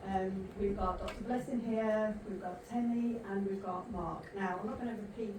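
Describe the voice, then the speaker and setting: A woman's voice: mid-range voice, fairly even intonation, normal speed. Emphatic woman moderating in an echoey hall. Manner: emphatic, rhetorical delivery. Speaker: panel moderator. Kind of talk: conference speech and panel moderating. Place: large conference hall. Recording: echoey hall from far off, noisy.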